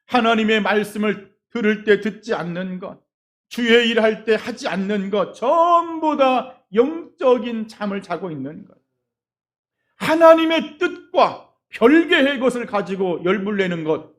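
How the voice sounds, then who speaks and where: A man preaching a sermon as pastor, telling folksy stories straight to his congregation and swinging from loud cries to quiet asides. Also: high voice, lively intonation, measured pace. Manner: folksy storytelling, addresses the congregation directly.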